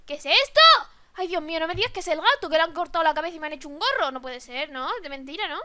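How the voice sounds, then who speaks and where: Animated Spanish woman doing game commentary. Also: extremely high pitch, rapid-fire. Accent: Spain Spanish. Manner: animated, exclaims and jokes at the screen. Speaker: gaming YouTuber. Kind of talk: let's play commentary.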